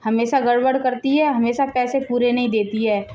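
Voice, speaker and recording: A woman voicing a firm, bossy mother-in-law who runs the household, in an animated family drama. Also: on the high side, normal speed, lo-fi sound, slight background noise, natural voice. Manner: firm, commanding.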